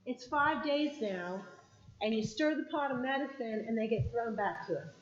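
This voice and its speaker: A woman's voice: on the high side, moderate pace. A woman giving a mental health training, telling stories and acting out what people said. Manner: animated storyteller who acts out quotes. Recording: muffled lo-fi recording.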